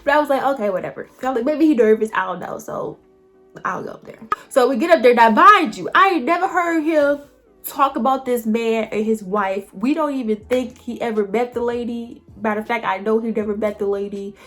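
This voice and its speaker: A woman with a high voice tells a story casually to her viewers. She talks in a lively, colloquial way and often turns to the audience directly. Faint music plays behind her. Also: brisk. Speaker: storytime vlogger.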